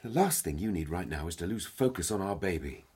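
A man playing a controlling, indignant husband in a naturalistic radio soap, with a husky voice and an insistent, needling manner. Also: low voice, lively intonation, fairly quick, darkish tone. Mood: insistent, resentful.

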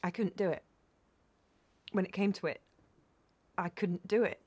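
A shaken young woman in a radio drama. She speaks haltingly and stammers over her words. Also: fairly low pitch, steady tone, darkish tone, breathy edge.

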